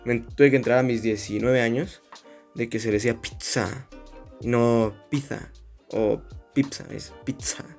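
A man's voice: medium pitch, a little mellow. A young man hosting a podcast as a rambling, self-mocking casual monologue full of crude slang. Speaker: podcast host.

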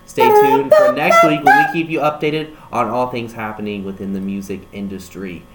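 A man co-hosting a casual music news chat with a friend, animated and quick to laugh. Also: medium pitch, very noisy.

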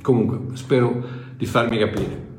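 An older man preaches in a conversational way, speaking directly to his listeners at a middle pitch. He drives points home by repeating short phrases and often restarts mid-sentence. The sound is noticeably echoey, like a reverberant room. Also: fairly even intonation, moderate pace, a little mellow, soft background music. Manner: emphatic repetition, self-correcting, conversational. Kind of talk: informal sermon, teaching directly to listeners.

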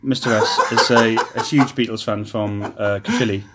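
Relaxed man chatting. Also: fairly low pitch, moderate pace. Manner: relaxed, chatty, hesitant with many ums. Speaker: record shop owner and podcast co-host. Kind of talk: casual chat.

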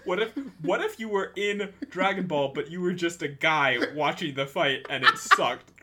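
A man's voice: fairly high pitch, normal speed, bright, forceful tone, a little hiss or hum. A man co-hosting a casual anime recap podcast, laid-back and joking as he rambles through the plot. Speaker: podcast co-host.

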